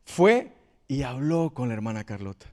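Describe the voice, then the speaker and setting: A man's voice: medium pitch, moderate pace. A man in his thirties preaching a sermon, telling personal stories and acting out the people in them. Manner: storytelling preacher, animated, acts out quoted people. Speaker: pastor.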